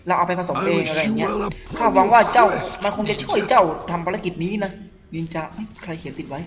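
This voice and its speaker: A man hosting a gaming channel, giving lively let's-play commentary and translating the game's English text aloud. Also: high-pitched, fast talker. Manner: excitable, reads and translates in-game English aloud. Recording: hall-like reverb with game music behind. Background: game music and sound effects.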